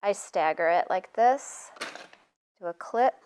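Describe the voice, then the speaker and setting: Working through a live sewing tutorial in her studio, a middle-aged woman talks casually and cracks jokes about herself. Her medium-pitched voice is animated, slow, clean, and somewhat dark in tone, with jokey asides along the way.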